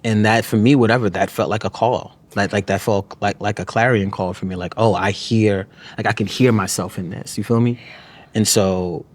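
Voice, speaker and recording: A man's voice: lowish voice, fairly even intonation. A man from New York, a guest author and poet, talking reflectively in an interview with frequent restarts and filler phrases. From New York, USA. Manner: halting, frequent restarts, peppered with "you know what I'm saying".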